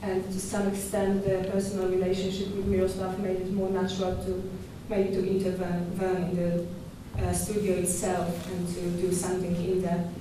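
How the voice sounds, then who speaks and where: A young woman curator giving a conference talk at a podium microphone in a dark lecture hall, measured and thoughtful with small hesitations and restarts. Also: on the low side, monotone, noisy background. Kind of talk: conference presentation. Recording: echoey hall from far off.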